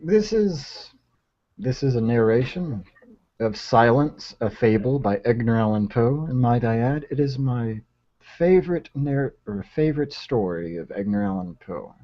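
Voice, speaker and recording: A young man hosting a livestream. He rambles casually with plenty of ums and restarts. His voice sits at an ordinary pitch and comes through dull, lo-fi audio. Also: normal speed, dark tone. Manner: rambling, with many fillers and restarts. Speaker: livestream host. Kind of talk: casual chat and dramatic reading.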